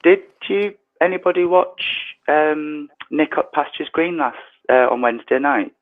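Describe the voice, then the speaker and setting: A man leading an online prayer service, his voice tinny through an earpiece mic, reading prayers softly and slowly. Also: on the high side. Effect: tinny sound from a changed earpiece mic. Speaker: service leader. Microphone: earpiece headset mic. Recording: tinny phone-like online call.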